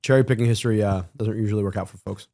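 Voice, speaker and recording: A man in his thirties from Michigan, giving animated casual commentary on a clip and repeating words as he gets going. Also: on the low side, very fast, gravelly. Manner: animated, emphatic, repeats words when excited. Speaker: stream co-host reacting to clips.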